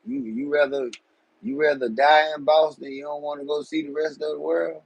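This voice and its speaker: A man's voice: on the high side, flat delivery, moderate pace, creaky, muffled recording. A man, hosting a casual live stream and chatting loosely with viewers in streetwise slang. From Georgia, USA. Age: 40s. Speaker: livestream host.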